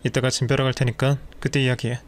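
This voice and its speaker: A man's voice: mid-range voice, level tone, fast, lightly acted. A man voicing a cruel, contemptuous husband who talks in a scornful, dismissive way.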